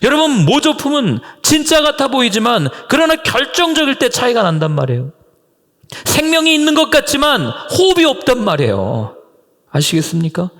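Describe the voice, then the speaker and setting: A man preaching a sermon as pastor, animated and at times dropping to a soft hush. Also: very high voice, normal speed, long reverb tail. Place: underground church hall. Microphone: voice recorder.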